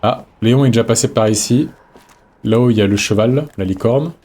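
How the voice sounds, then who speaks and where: A man's voice: medium pitch, brisk, mellow. A man streaming a horror game live, chatting casually with slang and talking to himself and his viewers as he plays. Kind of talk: live let's-play commentary.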